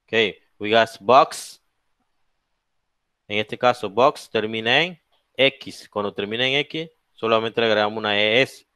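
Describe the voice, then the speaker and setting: Slow, clear-voiced male English teacher. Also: on the low side, pushed and bright, no room sound. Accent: Latin American Spanish. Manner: explains each rule in English then repeats it in Spanish, checking with "¿ok?" and "¿ya?"; slow, drawn-out spelling of letters and example words. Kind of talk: bilingual classroom lesson.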